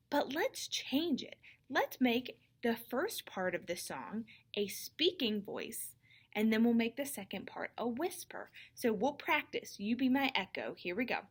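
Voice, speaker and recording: A higher-voiced woman teaching young children. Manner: slow, clear and encouraging, demonstrating voices. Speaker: music teacher.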